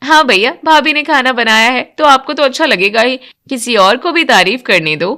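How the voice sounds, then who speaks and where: Cheeky young sister-in-law, quick and teasing, voiced by a woman narrator. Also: high voice, lively intonation, pushed and bright, exaggerated voice.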